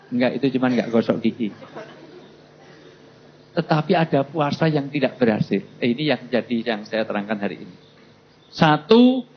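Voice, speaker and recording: A man giving a humorous sermon as a preacher, jokey and animated, slipping into other voices. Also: mid-range voice. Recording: dull lo-fi recording with faint noise.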